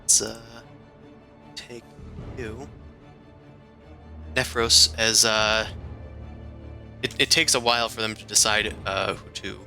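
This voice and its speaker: A man's voice: lowish voice, fairly even intonation, takes it slowly, gravelly, long pauses, bright, forceful tone, soft background music. A man narrating a tabletop role-playing game as game master in a casual, improvised, conversational way.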